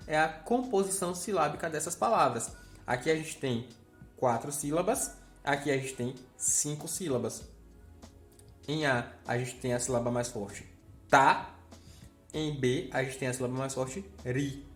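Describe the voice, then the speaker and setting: A man teaching a grammar lesson, explaining step by step and checking in with the viewer. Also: mid-range voice.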